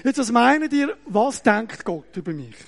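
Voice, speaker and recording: Swiss guy preaching, high voice, jokey, keeps asking the crowd oder?. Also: a little slow, creaky. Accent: Swiss German. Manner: animated, joking, often tags questions with "oder?". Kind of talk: lively sermon with audience demonstration.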